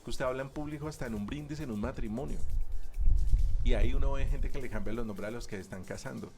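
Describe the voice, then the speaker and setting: A man speaks in a lively, expressive way about public speaking, often slipping into little impressions of other people. His voice sits at an ordinary middle pitch. Faint music plays quietly behind him. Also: fast. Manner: animated, acts out quoted voices. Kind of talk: conversational interview.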